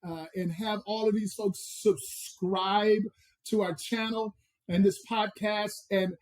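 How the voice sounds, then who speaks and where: With a Southern accent from the American South, a man coaching personal growth on a podcast delivers motivational talk in an emphatic, sermon-like way with drawn-out emphasis. His voice is high and steady in tone.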